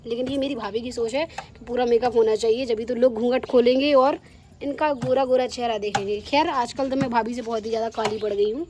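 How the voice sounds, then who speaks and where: A young woman chatting casually to her vlog viewers, teasing and animated. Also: fairly high pitch, fairly quick, a little hiss or hum. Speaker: vlogger.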